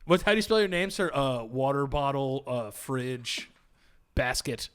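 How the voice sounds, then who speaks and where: A man's voice: medium pitch, lively intonation, unhurried, fairly bright tone, clean tone. A man in his thirties, co-hosting a podcast in crude, joking casual chat. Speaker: podcast co-host.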